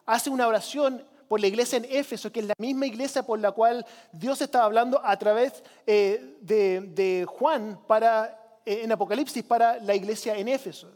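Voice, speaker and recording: A man's voice: sits high, moderate pace, a little mellow, long reverb tail. A man preaching a sermon as pastor, urging his congregation to repeat lines with him. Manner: preaching with call-and-response to the congregation. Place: church.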